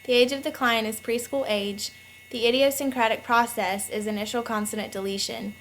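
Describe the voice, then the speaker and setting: A woman reading a scripted narration at a measured, formal pace as a voice-over. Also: fairly high pitch, steady tone, a little hiss or hum, poor audio. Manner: measured, reads slowly and formally.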